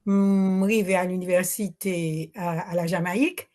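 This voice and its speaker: At a public Q&A, an older Haitian woman asks a question from the audience, her remarks unplanned. Her voice sits on the low side, steady and darkish, at normal speed. Speaking into a handheld mic, she hesitates, restarts often and weaves Creole words into French.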